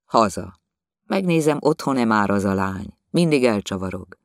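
A man's voice: on the low side, animated, dry recording, studio quality. A man voicing a burly, kind chimney sweep in his thirties, speaking in plain, blunt, homely phrases. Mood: gruff-kind. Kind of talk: audiobook dialogue.

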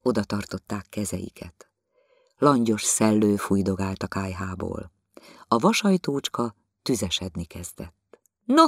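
A man reading a literary novel aloud as an audiobook narrator, in measured, expressive storytelling. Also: on the low side, no room sound, studio quality.

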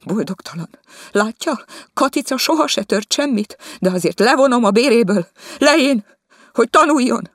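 A man voicing a fussy, shrill middle-aged lady of the house who shrieks and scolds her maid. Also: wildly swooping pitch, few pauses, no room sound, studio quality, full character voice. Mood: shrieking fury.

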